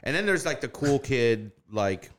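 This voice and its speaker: A man's voice: medium pitch, big pitch swings, measured pace, a bit bright, a little hiss or hum. A man co-hosting a podcast, teasing his friends and giving blunt opinions with lots of swearing. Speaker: podcast co-host. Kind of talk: casual chat.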